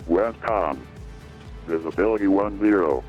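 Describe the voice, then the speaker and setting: A man reading a recorded airport weather broadcast, heard over an aircraft radio, in a steady, measured way through numbers and codes. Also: low voice, faint music behind. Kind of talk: steady scripted readout of weather and runway information. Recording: dull lo-fi radio audio.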